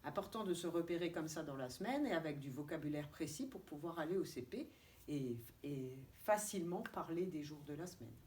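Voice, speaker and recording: A woman kindergarten teacher with a French accent giving a remote lesson to young children, spelling out letters and syllables slowly and clearly. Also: low voice, expressive, a little mellow. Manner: slow, deliberate, stretching out syllables and letters. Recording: distant mic with faint background noise.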